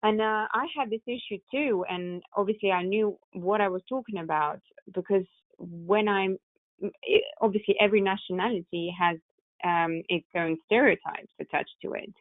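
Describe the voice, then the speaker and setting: A woman with a Russian accent, a tech company founder appearing on a podcast, shares her story at normal speed in a mid-range voice. There's no echo, though the conversational interview sounds muffled and narrow, as if over a phone.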